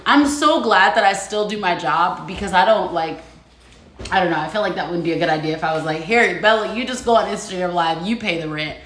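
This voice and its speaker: A woman's voice: on the low side, brisk, fairly bright tone. A woman author chatting casually on a phone livestream at home, rambling and laughing often. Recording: roomy echo.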